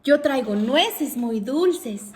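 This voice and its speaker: A woman's voice: sits high, animated, extremely slow, heavily acted. A woman doing a friendly, coaxing storybook badger. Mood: cheerful. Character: friendly badger sniffing for food, sharing nuts.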